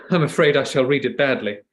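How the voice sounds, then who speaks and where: A man's voice: medium pitch, close to an everyday voice. A man playing an earnest, nervous poet in a stage play reading, with a hesitant, self-conscious manner. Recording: echoey room.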